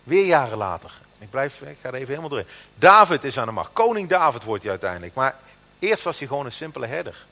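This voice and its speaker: A man in his thirties preaches with an animated, rising and falling voice. He slows right down and leans on each quoted verse. His words ring out with a long reverb, as in a big church hall. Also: medium pitch. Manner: lively, emphatic preaching with slow, stressed scripture quotes. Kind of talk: sermon.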